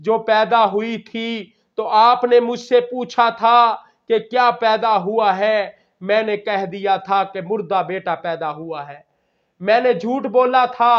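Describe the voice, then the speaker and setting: Male preacher, slow and deliberate, dramatic sermon storytelling. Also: high voice. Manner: impassioned, retelling stories with dramatic quotes. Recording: dull lo-fi recording.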